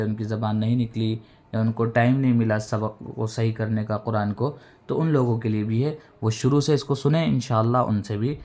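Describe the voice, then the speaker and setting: A man teaching Quran reading in a recorded lesson. He drills syllables slowly, drawing out the vowels, and explains each rule patiently. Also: on the low side, darkish tone.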